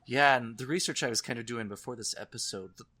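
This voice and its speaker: In a casual podcast chat about nightmares and horror films, a male co-host speaks quickly in a medium-pitched voice that sounds bright and forceful. His manner is informal, wry and self-deprecating.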